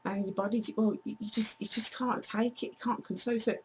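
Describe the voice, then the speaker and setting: A woman talks casually to camera in a home vlog, her voice hoarse and cracking as it fades. She is chatty and blunt, swears easily, and speaks at a middling pitch for a woman. A faint hum sits under the recording. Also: fairly even intonation, brisk, low-quality recording. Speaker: vlogger.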